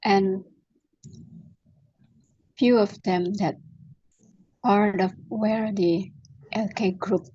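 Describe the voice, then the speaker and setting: A woman praying in a slow, reverent, hushed manner over a video call. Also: mid-range voice, fairly even intonation, husky, no room sound. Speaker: prayer participant. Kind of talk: spoken prayer. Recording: dull, dry video call audio.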